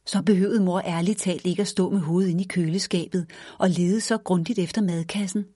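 A woman narrating a children's storybook in a gentle, even read-aloud manner. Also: lowish voice, breathy edge, no room sound, clean studio sound.

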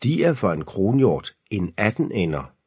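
A man voicing a gruff, teasing middle-aged pig farmer and hunter, in an audiobook reading. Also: low voice, very animated, a little mellow, no echo, studio quality, heavily acted. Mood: explaining. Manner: brusque, teasing.

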